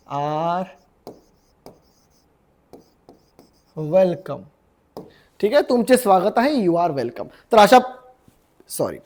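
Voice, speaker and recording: A young man teaching everyday English phrases in a casual Marathi lesson, repeating each phrase and drawing the English words out slowly. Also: high voice, darkish tone.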